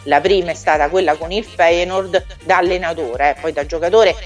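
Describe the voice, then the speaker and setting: A woman calling in over a phone line as a football pundit, speaking in a measured, analytical way. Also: lowish voice, fairly even intonation, faint music behind. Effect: heard over a phone or internet call. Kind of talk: call-in sports talk.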